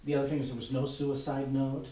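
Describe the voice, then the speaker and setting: Male paranormal investigator, mellow, casual and explanatory, recorded at a distance in a very reverberant room. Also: medium pitch, flat delivery, quick pace. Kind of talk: casual group discussion. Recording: echoey room, distant mic, faint hiss.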